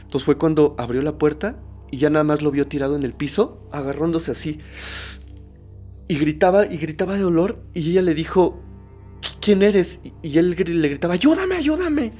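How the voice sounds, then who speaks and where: A man hosting a horror podcast, telling a story in a suspenseful way, dropping to a hush and rising again. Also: fairly high pitch, steady tone, fairly quick, faint music behind. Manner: suspenseful, shifts between hushed and raised tones.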